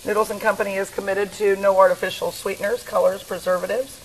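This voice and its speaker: An upbeat woman cooking and chatting in a restaurant kitchen, eager and quick to laugh. Food sizzles on the stove behind her, with a faint hiss under the talk. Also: medium pitch, flat delivery, creaky, poor audio. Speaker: restaurant cook. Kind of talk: cooking demo chat.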